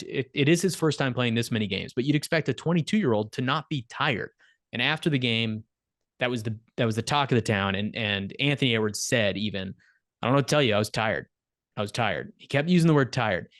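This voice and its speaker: Animated male sports podcaster, dry mic. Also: medium pitch, dry recording. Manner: animated, rattles off stats, laughs mid-sentence. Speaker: podcast co-host. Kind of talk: casual sports podcast chat.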